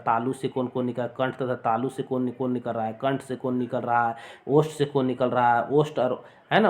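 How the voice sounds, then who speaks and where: A man's voice: mid-range voice, a little mellow, slight background noise. A man teaching an exam-prep lesson, repeating points, calling his viewers friends and sounding out vowels for them to copy. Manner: repetitive, addresses viewers as friends, demonstrates sounds aloud.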